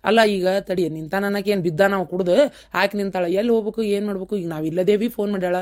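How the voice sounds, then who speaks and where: A woman's voice: medium pitch, steady tone, very fast, darkish tone, natural voice. A woman voicing a stern, scornful elder brother in a cartoon, speaking with a North Karnataka accent and lecturing curtly. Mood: gossiping. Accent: North Karnataka Kannada. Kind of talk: cartoon voice acting.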